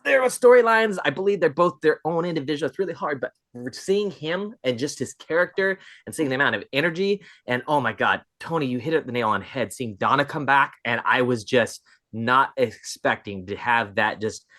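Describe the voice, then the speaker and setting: A man chatting as a livestream guest, telling stories in an excitable, animated way. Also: medium pitch, fairly quick, dry recording, clean studio sound. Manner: excitable, animated storytelling with big swings. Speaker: podcast guest. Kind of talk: casual livestream chat.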